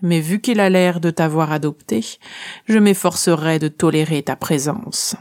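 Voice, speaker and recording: A woman voicing a huge, proud male fire dragon in a children's audio story, growling slowly and threateningly in a cavernous voice. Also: sits low, a little mellow, natural voice. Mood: grudging. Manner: slow, threatening delivery.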